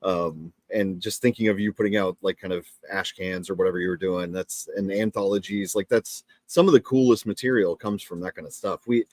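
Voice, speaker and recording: A male co-host of a comics chat show, enthusiastic and a little rambling, often searching for the right word. His voice sits fairly low and is recorded dry and close. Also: fairly even intonation, brisk, hardly any pauses, darkish tone, dry recording. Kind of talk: casual interview chat.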